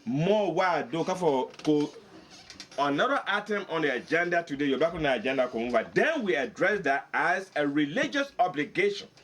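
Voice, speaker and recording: An older man speaks up at a community meeting in a slightly high voice. He is emphatic and passionate, repeats words as he drives his points home, and mixes a local language into his English. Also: animated, moderate pace, a bit bright, slight background noise. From Liberia. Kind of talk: impassioned meeting address.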